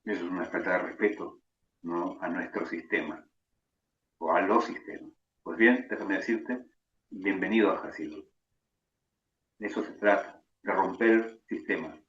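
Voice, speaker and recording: Rioplatense rabbi preaching from afar. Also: male voice, low voice, unhurried, long pauses, a bit bright. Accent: Rioplatense Spanish. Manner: keeps adding "¿no?" tags, storytelling. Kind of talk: sermon-style lecture. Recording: echoey, dull, distant.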